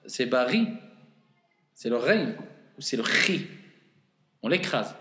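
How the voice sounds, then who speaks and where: A man teaching Arabic reading in a patient classroom way, slowly repeating syllables and gently correcting a student. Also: mid-range voice, very animated. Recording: echoey room with long reverb.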